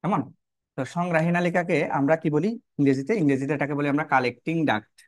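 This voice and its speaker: Male biology tutor, a bit high-pitched, dry close recording. Repeats terms, quizzes students as he draws. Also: quick pace, no echo. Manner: repetitive, checks in with "কেমন?" and rhetorical questions. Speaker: biology teacher. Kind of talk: online lesson, explaining while drawing.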